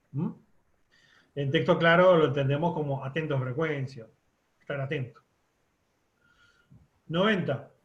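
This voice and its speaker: A man's voice: on the high side, echoey room, lo-fi sound. A man teaching a radio course, explaining step by step with many fillers and restarts. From Uruguay. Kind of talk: online class lecture.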